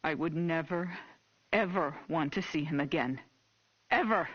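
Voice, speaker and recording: Pamela Voorhees, husky unhinged American mother. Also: low-pitched, a little slow. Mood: haunted. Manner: intense, curt, menacing. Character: unhinged, grieving, vengeful mother of a lost boy. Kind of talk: dramatic game voice acting as a taped police interview. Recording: dull, muffled old tape recording.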